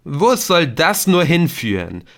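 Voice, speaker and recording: A man voicing a theatrical, riddle-loving man in an audiobook, teasing and mock-dramatic. His voice rides noticeably higher and louder than the narration. He leans into each line with playful showmanship. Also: very animated, unhurried. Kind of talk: audiobook character voice.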